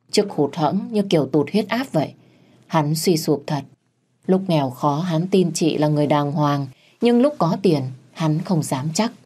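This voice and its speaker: A woman storyteller giving a steady, expressive dramatic story narration. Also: sits low, breathy edge.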